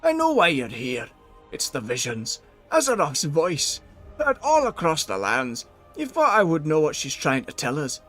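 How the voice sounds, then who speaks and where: A streamer reads aloud as a bitter, weary dwarf king in a fantasy game. His reading swoops up and down with a lively, expressive pitch. Faint game music plays beneath. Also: normal speed, full character voice. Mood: resentful.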